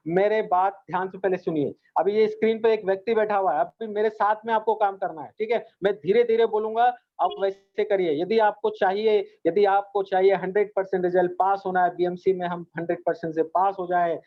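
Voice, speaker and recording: A man teaching a meditation lesson to school students, speaking in an earnest, repetitive, coaxing way and addressing them directly. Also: high voice. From India. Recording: dull lo-fi recording.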